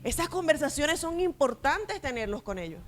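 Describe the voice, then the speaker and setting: A woman's voice: high voice, sing-song, moderate pace. A middle-aged woman pastor preaching an emphatic sermon to her congregation, acting out short family dialogues as she goes.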